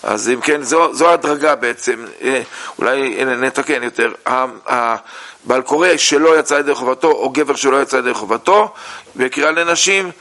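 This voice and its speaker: A man teaching a lesson on religious law, reading sources aloud and explaining them with many pauses and fillers. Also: medium pitch, sharp tone. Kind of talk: halakha lesson.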